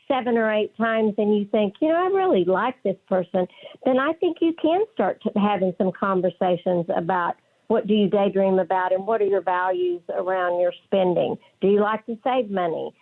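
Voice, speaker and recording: A woman's voice: medium pitch, moderate pace. A woman with a West Texas twang, speaking conversationally as a counselor being interviewed on the radio. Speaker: interview guest, licensed professional counselor. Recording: phone-like narrow band.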